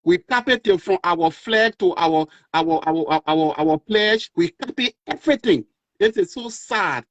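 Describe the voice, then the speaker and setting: A man's voice: high-pitched, lively intonation, unhurried, fairly bright tone, no echo. A man with a Liberian West African accent giving his opinion as a call-in guest, emphatic and repeating his phrases. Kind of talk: casual opinionated discussion. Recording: dull lo-fi call audio.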